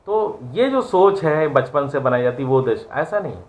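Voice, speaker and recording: A man's voice: a little high, expressive, measured pace, darkish tone. A man teaching an online class, giving an earnest, preachy moral lecture full of rhetorical questions.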